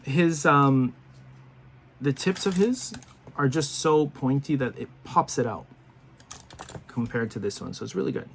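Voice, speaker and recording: A man's voice: mid-range voice, measured pace, creaky, long pauses, slight background noise. A man casually reviewing action figures to camera, chatty and rambling with lots of fillers and restarts, sounding tired and yawning. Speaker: toy reviewer.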